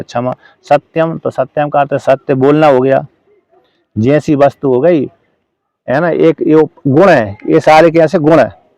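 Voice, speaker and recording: Pitched fairly high with vocal fry and a slightly mellow tone, this male teacher goes through a scriptural commentary one word at a time in a lesson. His delivery is halting and self-correcting, with frequent questions to see if his audience is following, plus slow chanted verses. There's no echo.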